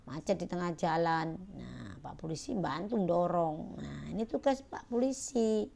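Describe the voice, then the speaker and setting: Slow, gravelly-voiced woman teacher. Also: lowish voice, expressive, mellow, slight background noise. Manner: slow explanatory teaching with frequent "ya" and "nah". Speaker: primary school teacher. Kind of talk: recorded class lesson.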